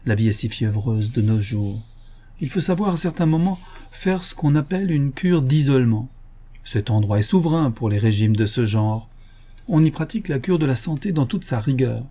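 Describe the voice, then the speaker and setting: A man voicing a suave, mocking gentleman burglar in an audiobook, ironic and self-assured, with a mellow, husky voice. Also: medium pitch, lively intonation, moderate pace, lightly acted. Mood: confiding.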